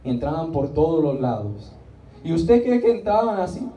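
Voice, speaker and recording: A male preacher with a slightly high, sing-song, mellow voice delivers a Spanish-language sermon full of rhetorical repetition and acted asides. He is emphatic, stretches out key words and pauses for the congregation to respond. The handheld mic is picked up from the seats of a small indoor church meeting room, giving a roomy, distant sound with faint noise.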